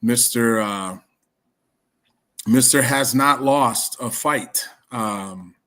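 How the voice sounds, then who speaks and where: A man's voice: medium pitch, very slow, bright, forceful tone. Rambling man with a Wisconsin accent. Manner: rambling, many restarts and fillers. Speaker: podcast host. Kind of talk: casual chat.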